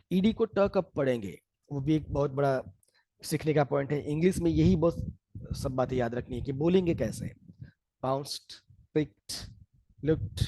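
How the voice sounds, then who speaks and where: A man teaching English, explaining pronunciation and the course, and speaking slowly and deliberately when he switches to English. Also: mid-range voice, gravelly, warm tone, no room sound, low-quality recording.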